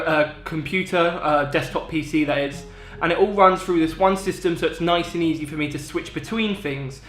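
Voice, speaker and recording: A young British man with a slightly high voice talks in a casual, chatty vlog style. He explains things informally, and the room around him is very echoey, picked up by an on-camera mic. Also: fairly bright tone. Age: 20s. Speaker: gaming video creator. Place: echoey room in parents' house. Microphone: on-camera shotgun mic.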